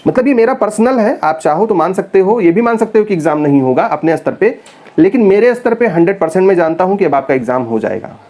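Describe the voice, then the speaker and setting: High-voiced, mellow teacher talking to students. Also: male voice, animated, quick pace. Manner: earnest, persuasive, keeps calling his listeners children. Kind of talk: casual direct-to-camera talk to students.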